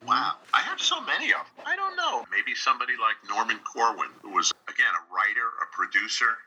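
A man from New York, a radio drama director and instructor, answers interview questions over a video call in a conversational, encouraging, plain-spoken manner. His mid-range voice is sing-song, brisk, bright and forceful. The recording is rough, with a little hiss or hum.

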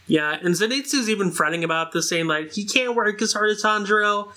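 A man's voice: high voice, lively intonation, brisk, bright, forceful tone. A man on a podcast panel casually recapping an anime episode, full of "like" and "uh" fillers. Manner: loose, filler-heavy recap with lots of "like" and "uh".

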